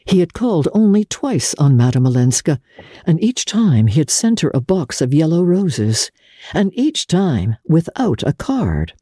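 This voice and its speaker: Reading literary fiction aloud with deliberate, measured and expressive phrasing, a woman narrates an audiobook dramatically. Her deep voice is slightly rough, and the studio-quality recording has no echo.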